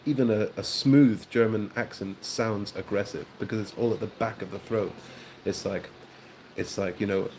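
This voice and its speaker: A man hosting a live stream, chatting casually with viewers in a relaxed way, with frequent ums and soft laughs. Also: on the low side, slight background noise. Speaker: host of a live watchalong stream.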